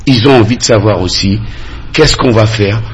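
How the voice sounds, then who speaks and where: Here a French Guianese man debates as a candidate on campaign radio in a studio, his lowish voice slightly rough and at a normal speed. He presses insistently, emphasizing his points by saying phrases again and again.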